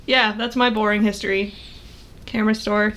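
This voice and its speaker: A young woman co-hosting a podcast in relaxed, casual chat. She rambles cheerfully through her stories, laughing often and leaning on "like". Her voice sits at a medium pitch. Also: normal speed. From Canada. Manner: chatty, laughing, lots of "like". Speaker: podcast co-host.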